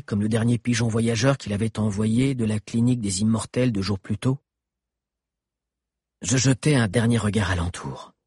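A man narrating a story in the first person, steady and dramatic. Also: fairly low pitch, breathy edge, no room sound, studio quality. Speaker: audiobook narrator.

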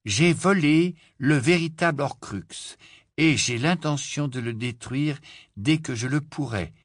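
A man voicing a steady teenage boy wizard who asks plain questions. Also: on the high side, unhurried, no room sound, clean studio sound, pitched above the performer's own voice.

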